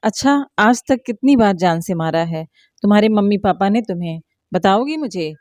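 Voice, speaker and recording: A woman voicing a kind young man who talks gently and reassuringly in a storybook. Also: medium pitch, animated, moderate pace, dry recording, studio quality, natural voice. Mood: teasing. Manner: gentle, reassuring, lecturing softly.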